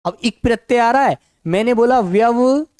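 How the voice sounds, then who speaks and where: Calm man teaching with a sore throat. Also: extremely high pitch, dry recording, studio quality. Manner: calm, unhurried, affectionate to students. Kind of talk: online exam-prep class.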